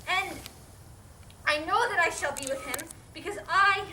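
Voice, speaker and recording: A woman's voice: high voice, moderate pace, bright, forceful tone. A woman playing an earnest, proud young niece in a period drama, polite and hesitant yet spirited. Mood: indignant, proud. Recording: very noisy echoey room, distant mic.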